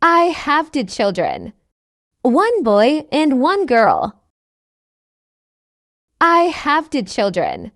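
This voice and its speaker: A friendly woman learner in a scripted practice dialogue, read by a woman. Her voice is high and lilting, with a wide swing in pitch. She speaks very slowly and shapes each word with care. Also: wildly swooping pitch, fairly bright tone, dry recording, clean studio sound, exaggerated voice. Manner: slow, carefully enunciated, each line said twice. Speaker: dialogue reader.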